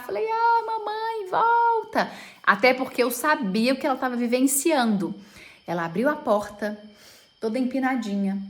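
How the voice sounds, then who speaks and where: A woman educator giving an informal talk on children's free play and telling a personal story, with many diminutives and a pace that stretches and rushes. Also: on the high side.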